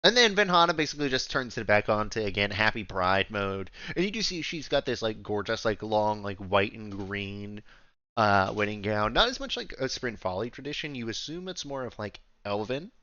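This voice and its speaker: A man's voice: fairly low pitch, expressive, normal speed, bright, forceful tone, no room sound, lo-fi sound. A man narrating a tabletop game as game master, rambling and playful and filling his speech with "like". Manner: rambling, playful, full of "like" fillers.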